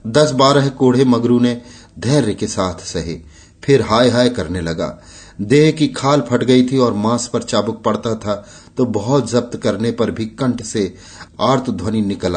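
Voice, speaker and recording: A man reading a classic Hindi short story aloud in a measured, literary way. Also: fairly low pitch, a little mellow. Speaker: audiobook narrator. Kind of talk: scripted story narration.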